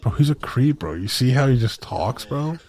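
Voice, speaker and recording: A man's voice: mid-range voice, animated, normal speed, a little mellow, slightly rough, dry recording. A young man on a podcast, telling a story in rambling, slangy casual chat with lots of restarts. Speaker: podcast co-host.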